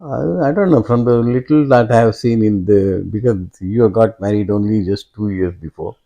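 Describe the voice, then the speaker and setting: An older man, speaking slowly and reflectively as an interview guest, pausing often and restarting his sentences. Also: fairly low pitch, gravelly, warm tone. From India. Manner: halting and reflective, many fillers and restarts. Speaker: guest, father of host. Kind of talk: conversational interview.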